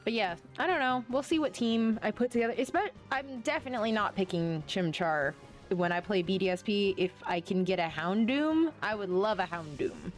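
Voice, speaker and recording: A woman's voice: medium pitch, animated, moderate pace, faint music behind. A woman streaming a game, chatting casually, rambling and often gushing as she plays. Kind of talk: casual live-stream chat while playing.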